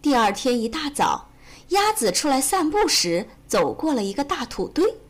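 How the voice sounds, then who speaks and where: A woman reads a children's storybook aloud in a high, bright voice that rises and falls in a lively sing-song. Her telling is gentle and expressive, made for young listeners. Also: normal speed.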